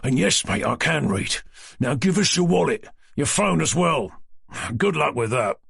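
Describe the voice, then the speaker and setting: A man voicing a menacing hooded mugger with a low, muffled, sneering and crude way of talking. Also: lively intonation, unhurried, creaky, fairly bright tone, slightly rough, dry recording, studio quality, heavily acted.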